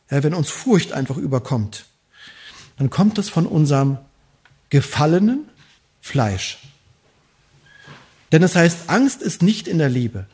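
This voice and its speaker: A man's voice: fairly high pitch, darkish tone, slightly rough. A man preaching a sermon, with dramatic rises and drops and short acted-out quotes.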